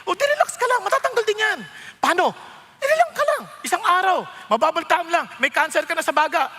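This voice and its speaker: A male pastor, preaching an animated, joking sermon and mixing in English. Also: very high voice, fast talker. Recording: long hall reverb.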